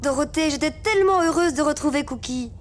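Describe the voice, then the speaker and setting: A woman's voice: high voice, a little fast, a little hiss or hum, natural voice. A woman narrating as a young girl reading her letters to a friend in a confiding tone. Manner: gentle, confiding.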